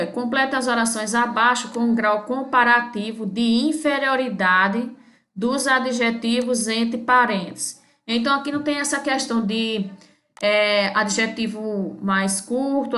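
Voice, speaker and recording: A woman's voice: a little high, a little slow, fairly bright tone. A woman teacher from Brazil explaining a grammar lesson step by step, often checking in with her students. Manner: patient, repeats "certo?" after each step. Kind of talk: recorded English grammar lesson. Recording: echoey room.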